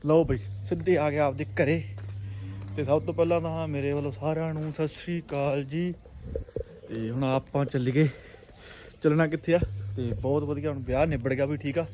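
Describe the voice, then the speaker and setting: A man with a rather high voice and a Punjabi accent chats informally to his viewers. He is earthy and exclamatory, often repeating his words, with noisy ambient sound and birds behind him. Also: steady tone, moderate pace, mellow. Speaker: vlogger. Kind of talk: casual chat to viewers. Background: pigeons and ambient noise.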